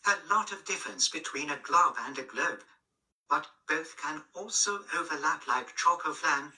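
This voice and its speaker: A text-to-speech robot voice of a man with a Spanish accent. It sounds sharp, bright and slightly high, and it reads every line in the same stiff, even way. It plays through speakers some distance from the mic. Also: moderate pace. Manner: stiff, evenly paced machine reading. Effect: synthetic text-to-speech robot voice.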